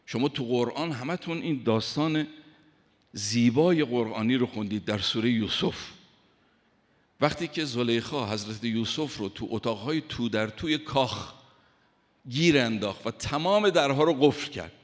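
A man preaching a sermon, emphatic, speaking straight to his listeners and reciting scripture slowly. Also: mid-range voice. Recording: long hall reverb.

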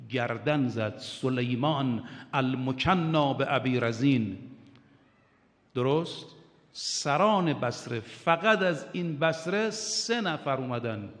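A man's voice: mid-range voice, big-room sound. An older man preaching an impassioned religious sermon, with rising and falling emphasis and recited quotations.

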